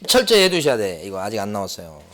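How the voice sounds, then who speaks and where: Lively middle-aged man lecturing. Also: on the low side, fast. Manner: lively, rhetorical questions and repetition. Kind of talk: exam prep lecture.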